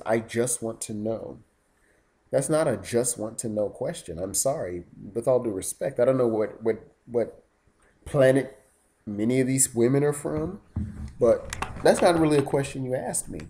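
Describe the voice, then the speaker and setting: A man's voice: mid-range voice, dark tone. A man telling stories in a casual vlog monologue, rambling and indignant. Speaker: YouTube vlogger.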